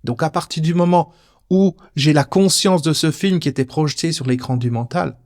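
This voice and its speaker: Guy explaining stuff to you like a buddy, casual and joking, voice sits a bit high. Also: normal speed, a little mellow. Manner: talks directly to the listener, informal and playful. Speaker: personal development teacher. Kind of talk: casual spoken teaching video.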